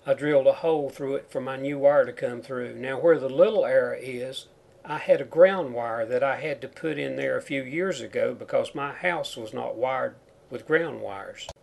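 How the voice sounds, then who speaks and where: A man's voice: mid-range voice, normal speed, gravelly, a little mellow. A man narrating a step-by-step how-to tutorial, his speech marked by a whistle on s sounds from a chipped tooth. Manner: plain, step-by-step explaining. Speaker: DIY home wiring instructor.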